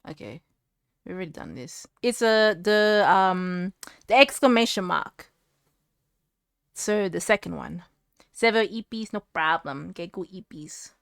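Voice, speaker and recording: A woman's voice: fairly low pitch, expressive, measured pace, gravelly, pauses often, fairly bright tone, clear, resonant tone, no room sound. A woman streaming from home, chatting casually and rambling to her chat while fixing her setup, close to a desk mic.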